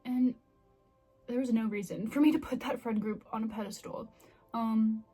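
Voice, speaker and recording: A woman's voice: fairly high pitch, steady tone, moderate pace, warm tone, soft background music. A woman in her twenties chatting casually and candidly to the camera in a self-reflective, confessional way. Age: 20s. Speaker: vlogger.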